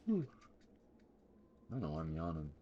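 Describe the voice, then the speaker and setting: A man's voice: a bass voice, wildly swooping pitch, normal speed, highs cut off, a little hiss or hum. A man streaming a game live, rambling casually and thinking aloud with sudden exclamations. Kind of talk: casual gameplay commentary.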